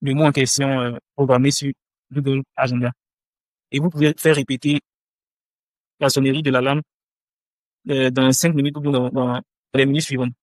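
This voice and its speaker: Male tutor walking through a screen tutorial, halting with fillers, mid pitch, dry room. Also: level tone, no room sound. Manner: hesitant, many fillers and restarts. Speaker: language teacher.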